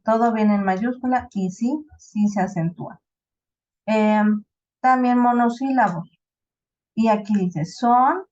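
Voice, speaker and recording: A woman with a Mexican accent teaching a class, explaining slowly and checking in with her students often. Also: mid-range voice, a little mellow. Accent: Mexican Spanish. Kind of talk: online class lecture. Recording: dull lo-fi voice recording.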